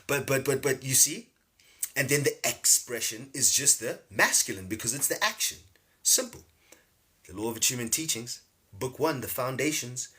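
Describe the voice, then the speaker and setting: Man, animated livestream teacher, repeats words, bright tone. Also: medium pitch. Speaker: spiritual teacher streaming live. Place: home livestream setup.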